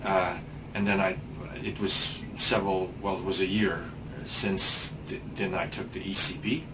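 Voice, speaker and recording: A man's voice: sits low, level tone, unhurried, background noise. A man in his sixties, speaking hesitantly with many fillers and restarts while giving a patient testimonial in a small clinic room. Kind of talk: casual interview answers.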